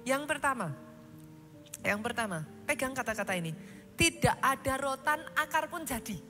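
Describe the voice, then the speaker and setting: A woman's voice: sits high, expressive, moderate pace, sharp tone. A woman pastor preaching a sermon with passion, often slipping into English phrases and acting out the doubts of her listeners. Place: large church auditorium. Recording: large echoing church hall with music.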